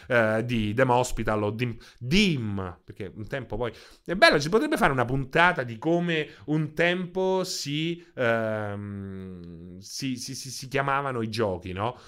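A man, streaming games live and chatting with his viewers in an excitable, profane, ranting way, holding a handheld microphone. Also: mid-range voice, unhurried, clean tone. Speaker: video game streamer. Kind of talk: casual live-stream chat.

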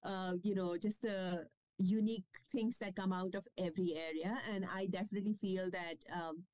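A woman's voice: medium pitch, fairly even intonation, moderate pace, a little mellow, dry recording, rough recording. A woman being interviewed about her children's books, talking casually with lots of fillers and restarts. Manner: chatty, many fillers and restarts. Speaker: children's book publisher and author.

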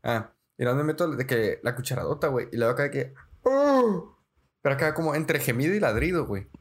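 A young man, a podcast co-host telling stories in slangy, animated casual chat. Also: medium pitch, quick pace, breathy edge. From Mexico. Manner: slangy, says "güey" constantly, animated storyteller.

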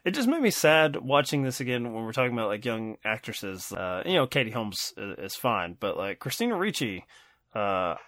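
A man co-hosting a casual film discussion, halting and self-correcting, wry with small chuckles. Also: medium pitch, big pitch swings, fairly bright tone, no echo. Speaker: podcast co-host.

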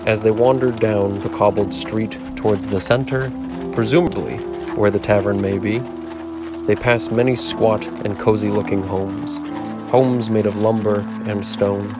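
A man narrates a fantasy adventure in a measured, descriptive way. His voice sits on the low side. Clear background music runs under the telling. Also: steady tone. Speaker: narrator and game master. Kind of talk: storytelling narration.

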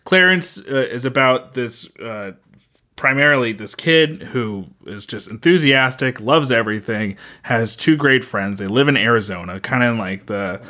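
A man's voice: medium pitch, animated, moderate pace, pushed and bright. A man co-hosting a podcast in casual chat, rambling with many fillers and restarts. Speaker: podcast co-host.

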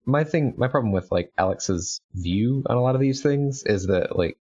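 Guest voice, mid pitch, halting joking chat, muffled lo-fi sound. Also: animated, darkish tone, slightly rough. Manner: hesitant, restarting, joking. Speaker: podcast guest. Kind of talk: casual comic book podcast chat.

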